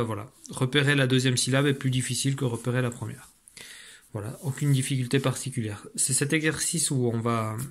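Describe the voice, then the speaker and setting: A man teaching, patiently explaining phonics exercises to parents, with frequent fillers and restarts. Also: medium pitch.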